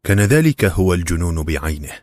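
A man narrating a novel as an audiobook in a measured, even reading style. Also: low voice. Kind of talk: scripted storybook narration.

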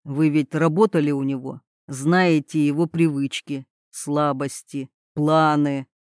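A woman's voice: steady tone, a little slow, a little mellow, no echo. A woman voicing a dry, detached male architect who speaks curtly and without emotion. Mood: cold, businesslike. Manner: curt, emotionless, low.

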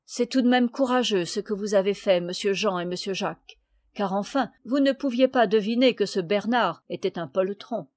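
Gruff loyal peasant man, blunt and mocking, storybook reading, voiced by a woman. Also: medium pitch, normal speed, darkish tone, no room sound, studio quality, lightly acted.

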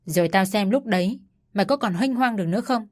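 A woman voicing a furious old mother-in-law who shouts coarse insults, with soft music behind. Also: mid-range voice, quick pace, close to an everyday voice. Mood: furious scolding.

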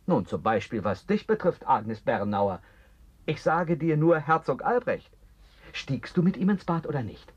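In a German radio play, a male actor voices a brooding octopus, a self-confessed eight-armed freak who probes and interrogates in literary dialogue. His fairly high, husky, expressive voice moves a little slowly, theatrical, solemn, insistent and preaching, sometimes dropping to near whispers. The radio drama recording sounds dull and muffled.

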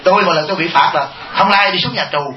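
A male monk teacher preaches in a high, bright voice, joking with his listeners and throwing them rhetorical questions. The sound is roomy and a little muffled, as if recorded in a reverberant temple hall. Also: fast talker, slight background noise. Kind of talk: humorous dharma talk.

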